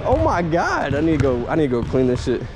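Man, 20s, hoops vlogger. Slangy, sweary trash talk with big swings in pitch, over clear gym noise. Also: quick pace. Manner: slangy, sweary, excitable banter. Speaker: vlogger playing pickup basketball. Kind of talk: casual trash talk while playing. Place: indoor gym, partly a tiled restroom. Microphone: chest-mounted action camera. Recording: noisy gym with bouncing balls.

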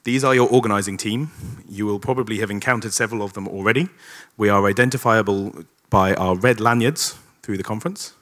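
A man welcoming a packed hall to a conference, running through housekeeping in an upbeat voice that sits on the low side. He slips in dry little jokes between the announcements and speaks into a stage microphone. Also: brisk, a bit bright. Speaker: conference organizer giving opening words. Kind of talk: opening remarks at a conference. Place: large conference hall with an audience.

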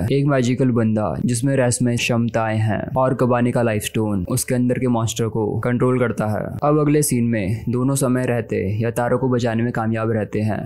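Man narrating an anime recap. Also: medium pitch. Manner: steady storytelling voice-over. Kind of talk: scripted narration.

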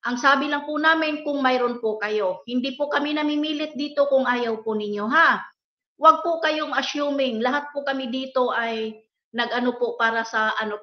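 A woman hosting a casual livestream, politely reading out viewers' names and greetings in a chatty way. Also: sits high. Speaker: livestream host. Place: indoors, worker's home abroad. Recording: echoey room, dull lo-fi sound.

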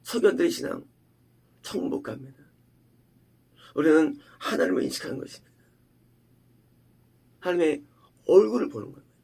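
Male pastor, gravelly and husky, delivering a sermon full of rhetorical questions. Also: on the high side, animated, brisk, long pauses. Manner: emphatic preaching with rhetorical questions, swinging from loud to hushed.

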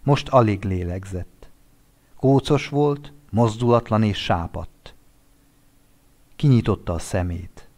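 Man, audiobook narrator, literary short story, measured expressive reading, somewhat low voice.

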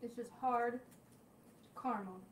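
A woman's voice: fairly high pitch, steady tone, a little slow, recorded from a distance, a little hiss or hum. A young woman reviewing snacks for her vlog, chatty and candid as she tastes each one. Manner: chatty, candid reactions while tasting. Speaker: snack tasting vlogger. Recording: roomy echo, voice off-mic.

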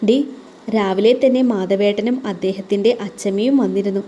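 A woman's voice: mid-range voice, steady tone, moderate pace, a little hiss or hum, close to an everyday voice. A woman voicing a weary, hurt young mother. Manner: subdued, weary, soft. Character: hurt young single mother, quiet and guarded.

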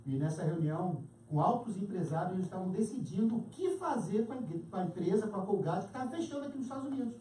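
A Brazilian woman preaching a lively sermon, calling listeners dear and acting out little scenes. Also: medium pitch, quick pace, hardly any pauses, slight background noise. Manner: animated, addresses listeners as "querido", acts out scenes. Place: church hall. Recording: roomy hall from far off.

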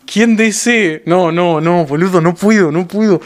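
A young man with an Argentine accent streaming a game, talking excitedly to his viewers and repeating phrases over and over. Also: sits high, unhurried. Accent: Argentine Rioplatense Spanish. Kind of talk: live gameplay commentary.

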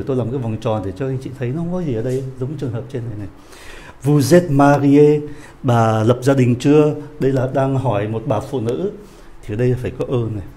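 A man teaching a French lesson, patiently explaining a dialogue and slowing down to repeat phrases. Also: mid-range voice, warm tone.

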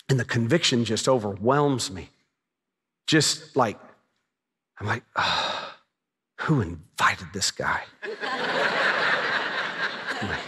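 A man in his fifties preaching a sermon on a large church stage, telling stories with lively gestures. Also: on the low side, slightly rough. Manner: animated storytelling preacher, gestures a lot. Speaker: pastor. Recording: long reverb of a large hall.

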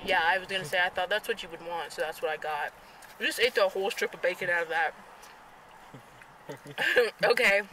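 A young woman rambling excitedly in a casual vlog, talking to her handheld camera. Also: mid-range voice, slight background noise, rough recording. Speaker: vlogger. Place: bedroom, then a parked car.

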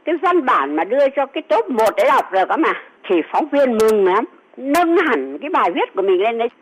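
A man with a high voice speaks casually in an interview. His pitch moves in animated swings as he gives his appraisal. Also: brisk, dull audio. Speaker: interviewee praising a colleague.

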